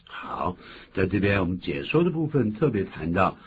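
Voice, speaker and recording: A man co-hosting a bilingual radio English lesson, explaining phrases in a lively way and acting out short quotes. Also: sits low, moderate pace. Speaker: English teacher co-host. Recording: phone-like lo-fi with faint hiss.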